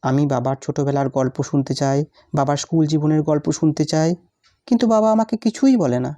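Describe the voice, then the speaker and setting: A woman's voice: deep voice, fairly quick, warm tone, close to an everyday voice. A woman voicing a lonely, neglected little schoolgirl in a recited written story, with a plaintive, pleading manner.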